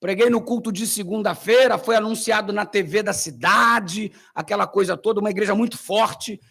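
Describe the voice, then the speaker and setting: Gravelly, animated Brazilian preacher man. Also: sits high, normal speed. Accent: Brazilian Portuguese. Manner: animated storytelling, acting out the voices in his stories, slangy. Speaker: pastor. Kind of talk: sermon.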